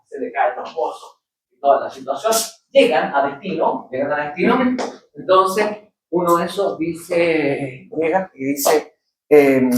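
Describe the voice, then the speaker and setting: A middle-aged man with a Chilean accent, a professor lecturing his class and telling lively anecdotes, acting out the characters. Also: a little high, a little hiss or hum. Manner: animated, acts out characters in anecdotes. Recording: echoey room from far off.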